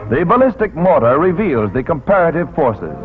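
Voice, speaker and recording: A man's voice: fairly high pitch, very animated. Man narrating an old 1940s newsreel. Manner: brisk announcer delivery with punchy quips. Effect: old newsreel sound. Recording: tinny 1940s newsreel soundtrack with loud music.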